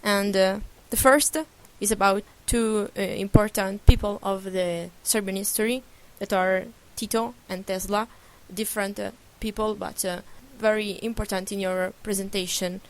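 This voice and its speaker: A woman interviews a group outdoors, her questions halting and full of pauses as she searches for words. Her pitch is mid-level and ordinary. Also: fairly even intonation.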